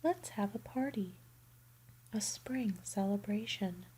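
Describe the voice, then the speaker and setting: A woman voicing a friendly cat from a children's storybook, in a soft whisper. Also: medium pitch, takes it slowly, slightly rough, poor audio. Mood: cheerful. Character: friendly cat hosting a tea party.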